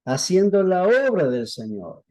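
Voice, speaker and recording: A man tells stories slowly and deliberately as he preaches to a small congregation, his pitch swinging lively up and down.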